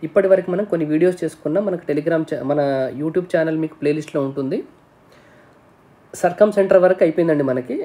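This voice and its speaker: A male teacher runs through an exam-prep lesson at a quick clip, his voice soft and mellow rather than bright. He explains each step in turn, often checks that the viewer is following, and slips English technical terms into his speech. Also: on the high side.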